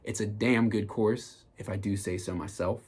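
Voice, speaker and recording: A man's voice: on the low side, moderate pace, a little hiss or hum. A man who is a vocal coach, giving an enthusiastic, casual reaction commentary full of "like" fillers. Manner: enthusiastic, lively, frequent "like" fillers, bursts of singing demonstrations.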